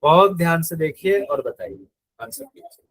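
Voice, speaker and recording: A man's voice: fairly high pitch, lively intonation, moderate pace, a bit bright, slight background noise, poor audio. A man teaching a live online yoga exam-prep class in speech, explaining step by step, repeating key terms and quizzing his students.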